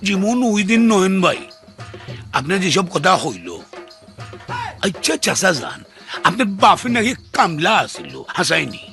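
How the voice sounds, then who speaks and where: A man's voice: sits high, very animated, a little slow, gravelly, pauses often, exaggerated voice. A man playing an eager, simple-minded, hard-of-hearing servant in a comic film, talking in a rustic regional Bangladeshi accent. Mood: chatty, teasing. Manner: rustic, comic, mishears and rambles. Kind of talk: broad comic film acting. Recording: loud film music behind the voice.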